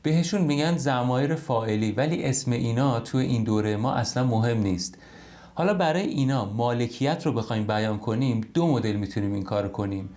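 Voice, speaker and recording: Male language tutor, patient step-by-step explainer, mid-pitched voice, online lesson. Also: animated, darkish tone. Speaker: English teacher.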